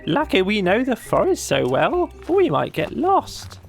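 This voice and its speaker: A reader voicing a bossy, fussy male rabbit with a brisk, officious manner for a children's storybook. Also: medium pitch, huge pitch swings, gravelly, soft background music, voice pushed up, full character voice. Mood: flustered bluster. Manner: brisk, officious, covering up uncertainty.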